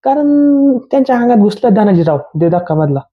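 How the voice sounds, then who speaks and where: Man, blunt slangy ranting, a touch high-pitched, dull lo-fi sound. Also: animated, fast talker. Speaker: YouTube reality show reviewer. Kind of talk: casual rant review.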